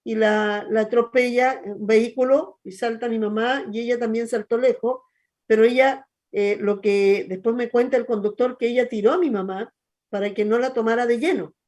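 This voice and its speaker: A woman's voice: fairly high pitch, fairly even intonation, normal speed, a little mellow. A middle-aged woman pastor with a Chilean accent, chatting and telling stories in a hesitant, conversational way. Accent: Chilean Spanish. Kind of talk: church talk show, teaching chat.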